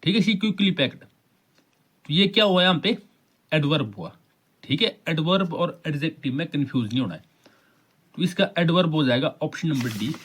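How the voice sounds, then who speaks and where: Teacher asking himself questions, slightly high-voiced. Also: male voice, animated, fairly bright tone, breathy edge. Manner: slows right down to read English sentences aloud; keeps asking questions and answering them himself. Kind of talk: explaining an exam paper.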